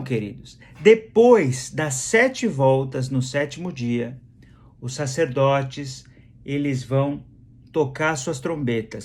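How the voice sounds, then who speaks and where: A man's voice: medium pitch, darkish tone. A man with a Brazilian Portuguese accent preaching a sermon in a conversational way, repeating phrases for emphasis. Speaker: pastor.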